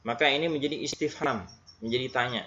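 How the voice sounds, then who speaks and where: A man from Indonesia giving a religious lesson, who tags his phrases with a frequent "ya" and slowly demonstrates Arabic pronunciations. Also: medium pitch, fairly bright tone. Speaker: Islamic teacher. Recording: dull recording with faint background noise.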